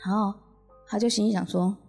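Animated Taiwanese woman telling a ghost story. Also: medium pitch, a little fast, vocal fry, husky, soft background music. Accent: Taiwanese Mandarin. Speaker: podcast host. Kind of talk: casual storytelling.

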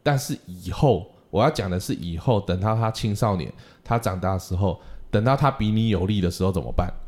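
A young man co-hosting a casual podcast, a music teacher who tells animated stories about students and mimics crying kids. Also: a little fast. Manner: animated storytelling, acts out crying kids in a high voice.

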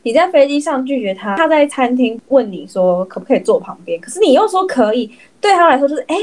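A woman's voice: high voice, sing-song, fast talker. A young adult woman hosting a podcast, chatting casually and making teasing comments. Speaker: podcast host. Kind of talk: casual chat.

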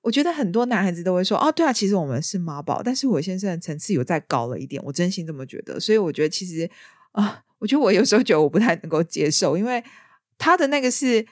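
A woman chatting casually as a podcast host, telling her stories in a lively way. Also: fairly low pitch, fast, dry recording, studio quality. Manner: lively storyteller. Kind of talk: casual chat.

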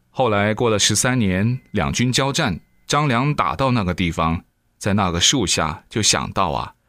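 Male preacher, lively storyteller, exclamatory, lowish voice, dry sound. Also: dry recording. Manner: animated storyteller with frequent exclamations. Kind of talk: storytelling dharma talk.

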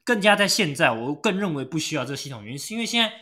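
A man's voice: a little high, very animated, very fast, pushed and bright. A man from Taiwan's outlying islands with a Taiwanese Mandarin accent, chatting casually, teasing and finishing his co-host's punchlines. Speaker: podcast co-host. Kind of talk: casual chat.

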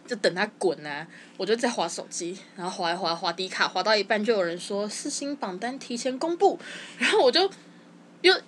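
A young woman with a Taiwanese Mandarin accent, telling her story as a podcast guest in casual chat, animated and often stumbling over repeated words. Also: medium pitch, a little fast, a little hiss or hum. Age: young adult.

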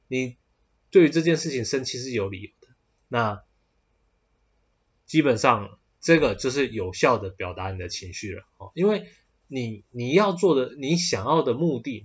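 A man with a Taiwanese Mandarin accent talks through a casual solo podcast at a middle pitch, his voice slightly husky. He wanders and restarts often, padding his sentences with hesitant fillers. The recording sounds dull and lo-fi. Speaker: podcast host.

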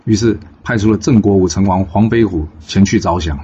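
A man telling a classic tale in a relaxed, chatty way, with frequent fillers. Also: fairly low pitch, a little fast, highs cut off, a little hiss or hum. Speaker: storyteller. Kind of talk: storybook narration.

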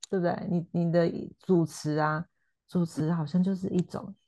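A woman's voice: fairly low pitch, fairly even intonation, moderate pace, dark tone. A woman in a casual chat, reacting and asking short follow-up questions.

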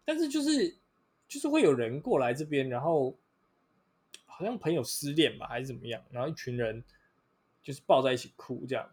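Blunt, lively Taiwanese-accented guy. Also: medium pitch, brisk, pauses often, breathy edge. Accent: Taiwanese Mandarin. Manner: blunt, swearing, rambling with many fillers. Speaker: podcast host. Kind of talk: casual solo podcast monologue.

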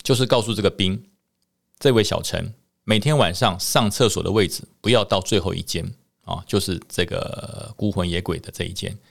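A man voicing the ghost of a young male soldier, speaking softly and earnestly. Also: low-pitched, normal speed, gravelly.

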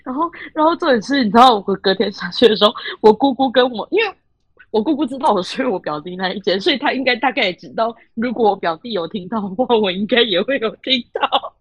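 An animated young woman with a Taiwanese Mandarin accent tells a story as a podcast host. Her voice is husky and fairly high, and it swings up and down a lot. The recording is dry and close to the mic. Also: fast, no room sound, highs cut off. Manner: animated, laughs often, acts out quoted voices. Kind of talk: casual storytelling chat.

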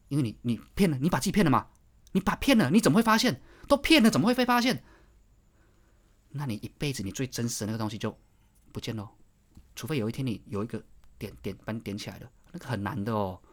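A man giving a motivational monologue to camera, preachy and pressing, repeating phrases and firing rhetorical questions. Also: mid-range voice. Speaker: vlogger.

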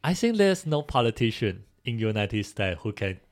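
A man from Taiwan, co-hosting a casual podcast in halting English. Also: fairly low pitch, very animated. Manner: halting non-native English, laughs often. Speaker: podcast co-host. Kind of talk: casual discussion.

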